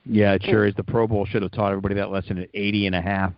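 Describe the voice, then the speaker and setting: A low-voiced man rattling along fast on a casual sports talk show, trading brash, profane banter with the others. The sound is dry and dull, like a lo-fi recording. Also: little pitch movement, gravelly, dry recording.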